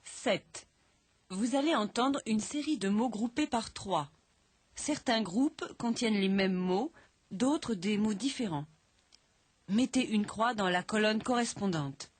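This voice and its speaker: A woman reading French lesson sentences in a plain, even way, in a dry studio recording. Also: mid-range voice, takes it slowly, breathy edge, no echo. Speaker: language course speaker. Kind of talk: read example sentences for a lesson.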